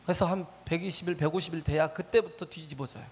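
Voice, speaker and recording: A man's voice: a little high, fairly even intonation, quick pace. A male pastor preaching a sermon, often asking the congregation rhetorical questions and calling out hallelujahs. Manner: punctuates with shouted hallelujahs. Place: church sanctuary. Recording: church hall reverb.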